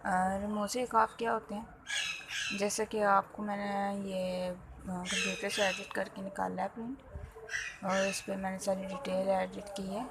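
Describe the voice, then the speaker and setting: A woman's voice: mid-range voice, completely flat delivery, heavy background noise. A woman teacher explaining a lesson to her students, patient, repeating key terms and checking that they follow.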